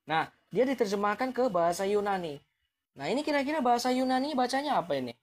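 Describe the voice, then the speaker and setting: A man's voice: very high voice, big pitch swings, fast. Man taunting viewers on a live stream. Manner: taunting, challenging with rhetorical questions; chuckles mockingly between points.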